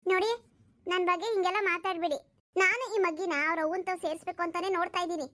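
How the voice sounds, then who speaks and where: A woman's voice: very high voice, fairly even intonation, quick pace, a bit bright. A woman voicing a young village stepmother who insists she means no harm. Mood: defensive. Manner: defensive, pleading her innocence. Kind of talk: cartoon voice acting.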